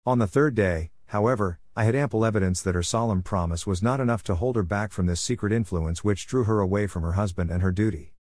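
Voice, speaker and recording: A man narrating an audiobook in a measured, earnest storytelling manner. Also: fairly low pitch, darkish tone, no room sound, clean studio sound.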